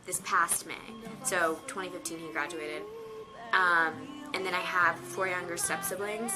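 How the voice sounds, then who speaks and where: A nineteen-year-old woman chatting casually to camera from her bedroom, rambling with lots of fillers. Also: on the low side. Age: teens. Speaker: vlogger. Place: her bedroom on a rainy day.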